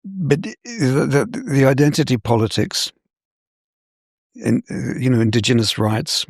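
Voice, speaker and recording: An older male scholar from New Zealand, giving measured, professorial answers in an interview. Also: medium pitch, slightly rough, no echo, clean studio sound. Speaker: scholar guest.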